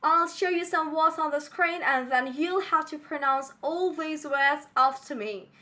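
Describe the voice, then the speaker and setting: Female pronunciation teacher, unhurried drill delivery, bright clear tone, speaks straight to viewers. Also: high-pitched. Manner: repeats model words slowly for drilling; addresses viewers directly with instructions. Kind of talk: pronunciation lesson.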